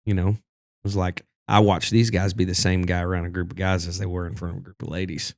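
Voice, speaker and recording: A man's voice: sits low, level tone, fast talker, creaky, dry recording, clean studio sound. A man from Texas, a singer-songwriter, talking casually as a podcast guest and telling loose stories. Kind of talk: casual conversation.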